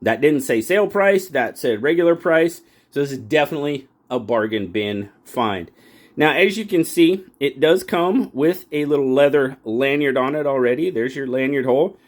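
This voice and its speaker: A man reviews a pocket knife on his own channel in a casual, folksy ramble, often correcting himself and restarting sentences. His medium-pitched voice is expressive and moves at a normal speed.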